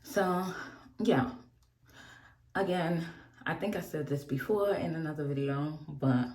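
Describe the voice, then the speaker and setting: In an echoey room, a beauty vlogger in her forties talks candidly through a casual get-ready-with-me session, rambling and laughing often as she does her makeup. Her voice is low-pitched, slightly slow and a bit mellow.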